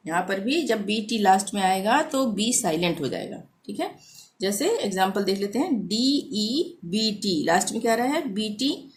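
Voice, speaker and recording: Patient woman teacher spelling words slowly. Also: mid-range voice. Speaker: language teacher. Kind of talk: spelling and pronunciation lesson.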